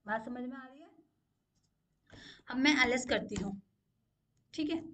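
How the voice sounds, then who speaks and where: Young woman instructor, high voice, patient step-by-step screen-share teaching with frequent check-ins, faint noise. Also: a little slow, pushed and bright. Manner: repeats "ठीक है" to check in, asks questions aloud. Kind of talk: screen-share coding tutorial.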